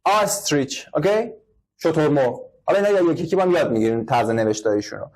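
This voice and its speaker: A man with a fairly high voice teaches a classroom English lesson. He explains patiently, repeats each word and keeps putting questions to the class. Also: sing-song, mellow.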